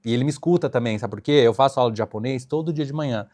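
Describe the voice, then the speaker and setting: Brief: young Brazilian man, flight attendant guest, chatty and animated, mid-pitched voice. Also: very fast. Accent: Brazilian Portuguese. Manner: animated storyteller, laughs often. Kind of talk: casual interview chat.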